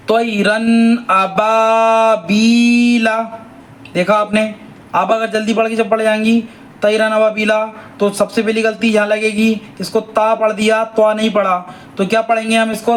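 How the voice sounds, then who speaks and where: A man teaching Quran reading, drawing out each letter sound slowly in a sing-song way, then explaining briskly. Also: sits high, poor audio. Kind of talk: slow spelled-out recitation lesson.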